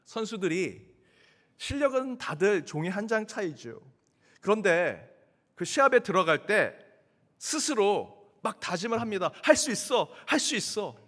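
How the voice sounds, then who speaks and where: A man preaching a sermon as pastor, lively and acting out crowd chants. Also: high voice. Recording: long church reverb.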